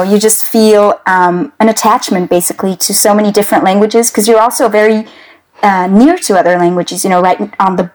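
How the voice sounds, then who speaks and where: A woman's voice: mid-range voice, a little mellow, rough recording. A young woman from Belgium, a native Flemish speaker, chatting as an interview guest, chatty and easygoing with many fillers. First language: Dutch (Flemish). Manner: chatty, with frequent fillers and laughs. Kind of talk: casual conversation.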